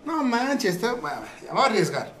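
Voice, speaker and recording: A man's voice: very high voice, big pitch swings, fairly quick. A Mexican man bantering and teasing friends while they play a game on a live stream. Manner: joking, teasing, counting turns aloud. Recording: roomy, off-mic with chatter.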